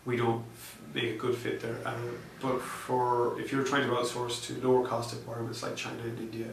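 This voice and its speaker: With a mid-range, monotone voice at normal speed and some vocal fry, a male interviewee who researches software answers questions haltingly, using lots of fillers and starting over often. The room echoes, the mic is distant, and there's faint noise.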